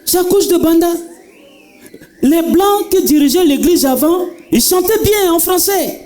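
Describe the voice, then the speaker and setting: A man's voice: very high-pitched, unhurried. A man doing stand-up comedy, telling stories and talking straight to the audience. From Central African Republic. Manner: animated storytelling, addresses the audience directly.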